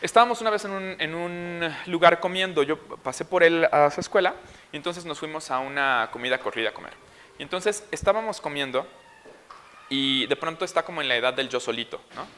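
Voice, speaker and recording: At a school session for parents, a young Mexican dad with a fairly high voice spins a lively story, performing the scenes as he goes. He speaks fairly quickly in his Mexican Spanish accent, with slight background noise behind him.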